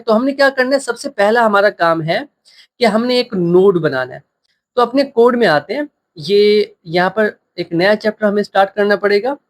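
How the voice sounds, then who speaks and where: A man teaching programming in a screen-share coding tutorial, patiently repeating points and checking that listeners follow. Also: sits high.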